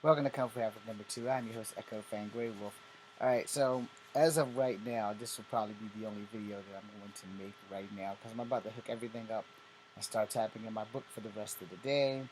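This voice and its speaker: A man's voice: lowish voice, steady tone, quick pace, a little mellow, slight background noise, low-quality recording. Blunt, profane man in his fifties. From Virginia, USA. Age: 50s. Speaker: vlogger host. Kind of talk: casual ranting vlog.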